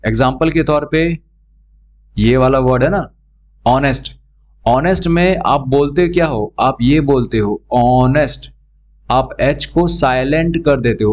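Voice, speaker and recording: This is a man teaching a grammar lesson. He talks at an unhurried, deliberate pace, and his voice sits at an ordinary middle pitch. He drills each word and sound over and over, asking questions and answering them himself. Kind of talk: classroom lesson explaining grammar.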